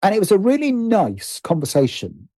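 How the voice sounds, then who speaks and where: A British man with a soft, mellow voice that sits high is a guest in a relaxed, casual interview; he is a writer and producer. He thinks aloud animatedly and haltingly, stopping, restarting and repeating phrases. The recording is dry, with no room sound.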